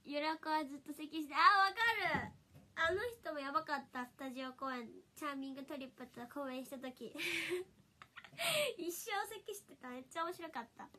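A woman's voice: high-pitched, lively intonation, moderate pace, a bit bright. A young woman with a nasal, stuffy voice from a summer cold, chatting playfully and laughing often on a livestream. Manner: giggly and playful, frequent laughter. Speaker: idol livestreamer. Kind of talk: casual livestream chat reading comments.

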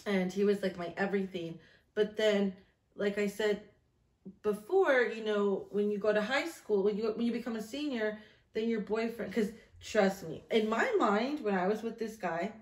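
Sitting at a table in a small, echoey room, a vlog host in her thirties reads from her old journal and chats casually. Her mid-range voice moves at a normal speed. She tells her stories with self-mocking humor.

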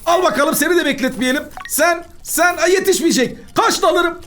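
A man hosting a gaming channel, giving excitable, chatty commentary while he plays and talks to the customers in the game. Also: very high voice, normal speed, soft background music.

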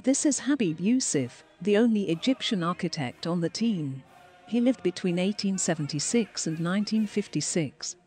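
A woman reading scripted documentary narration for a walking tour, steady and phrase by phrase. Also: fairly low pitch, moderate pace, husky, faint music behind.

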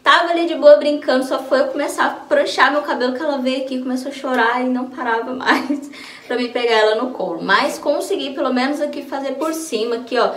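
A woman's voice: high voice, a little fast, a bit bright. A Brazilian woman with a Brazilian accent, chatting enthusiastically in a casual beauty vlog from her home. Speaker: vlogger. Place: home, bathroom then by a window. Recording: echoey room with faint noise.

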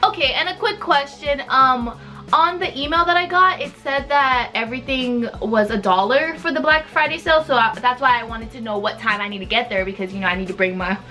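A woman's voice: high voice, fairly quick, pushed and bright, faint music behind. A woman in her twenties making a casual prank phone call, asking naive questions persistently. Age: 20s. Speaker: prank caller in a video. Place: small indoor room.

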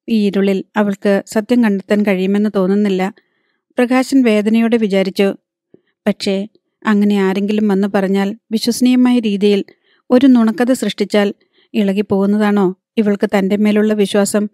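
A woman narrating a novel as an audiobook in a measured, dramatic reading. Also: mid-range voice, dark tone, no echo, clean studio sound.

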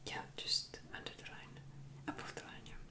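A young woman doing a whispered role-play as a helpful librarian, in a soft, polite, unhurried library whisper with hesitant pauses. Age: young adult. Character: helpful, chatty young librarian serving a visitor. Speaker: ASMR creator playing a librarian. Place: small indoor room at home. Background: computer keyboard typing.

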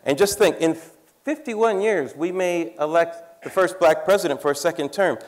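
A man's voice: fairly high pitch, normal speed, background noise. A man in his fifties doing a wry, conversational comic talk on a theater stage, teasing the audience and laughing at his own jokes. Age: 50s. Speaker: comedian and cultural commentator. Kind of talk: stand-up style talk on stage. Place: large theater stage before a live audience.

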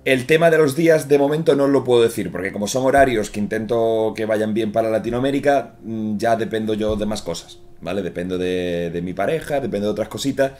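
A man's voice: fairly low pitch, brisk, few pauses, a little mellow. A man in his thirties with a Castilian Spanish accent giving casual, jokey gameplay commentary in an informal, chatty way. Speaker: gaming streamer. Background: game music.

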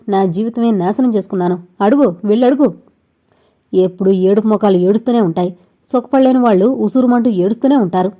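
A woman's voice: medium pitch, lightly acted. A woman voicing an irritable middle-aged male doctor who argues angrily with his mother in an audio novel. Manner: irritated, holding back anger, shouting.

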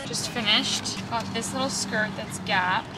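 A woman's voice: a little high, a little slow, loud music behind the voice, low-quality recording. A young woman in her twenties narrating a casual travel vlog, chatty and upbeat, recorded on a handheld camera. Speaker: vlogger. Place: outdoors and in busy restaurants and bars. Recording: loud crowd and street noise.

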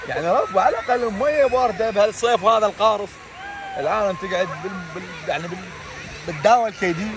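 A man in his thirties with an Iraqi Arabic accent, exclaiming excitedly as he vlogs casually while standing in ice cold water. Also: sits high, a crowd in the background. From Iraq. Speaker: vlogger. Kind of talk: casual selfie vlog. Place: outdoors, in a lake beside a fountain. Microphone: phone at arm's length. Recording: noisy outdoor phone audio, rushing water.

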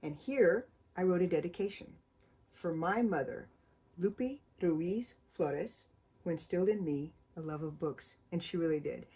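Here the same kind of scene plays out indoors among shelves of books: a middle-aged American woman who writes for children talks and reads a story in a bright, animated way. She speaks unhurriedly, with a rather low voice.

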